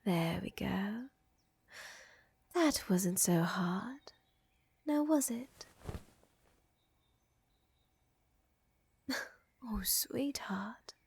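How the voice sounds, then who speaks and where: Pitched on the high side and heavily acted, a woman's breathy, frequently whispered voice portrays a flirtatious vampire countess who is gently dominant, in an intimate ASMR roleplay. Her formal phrasing teases and coaxes, with no echo, and the mood is teasing and tender.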